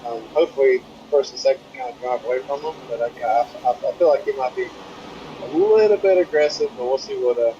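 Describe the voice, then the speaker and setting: A man's voice: medium pitch, fast, background noise. A man giving color commentary on a race in a thoughtful, hesitant way, over a muffled bluetooth line. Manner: thoughtful, hesitant, repeats words. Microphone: bluetooth headset.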